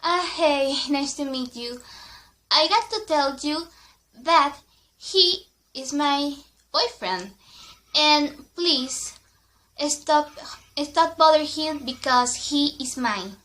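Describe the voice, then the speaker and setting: A woman's voice: sits high, expressive, slow, pauses often, a bit bright, full character voice. A woman imitating a rude young woman who curtly warns a rival away, falsely friendly.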